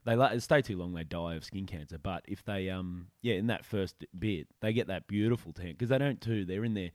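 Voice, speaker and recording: Male host, Australian accent, low register, dry sound, informal and matey interviewing. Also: a little fast, darkish tone, no room sound. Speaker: podcast host. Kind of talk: casual interview chat.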